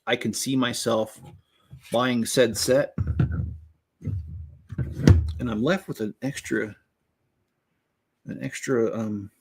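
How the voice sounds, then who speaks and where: Male hobby vlogger, mid pitch, relaxed chatty delivery with dry sarcasm, faint noise in the recording. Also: slow pace, pauses often. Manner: chatty, mildly sarcastic, talks while building. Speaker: Lego channel host. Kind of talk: casual build vlog commentary.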